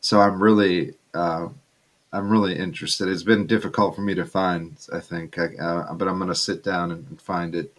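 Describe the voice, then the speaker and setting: A man co-hosting a podcast, talking earnestly with many pauses and fillers. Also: deep voice, steady tone. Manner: earnest, hesitant, lots of fillers. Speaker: podcast co-host. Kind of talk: casual chat.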